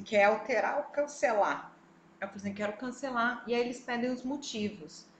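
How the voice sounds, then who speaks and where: A Brazilian travel vlogger with a Brazilian Portuguese accent tells her story in a casual, animated way, speaking directly to her viewers. Her voice is on the high side. The room is echoey, with faint ambience and slight background noise.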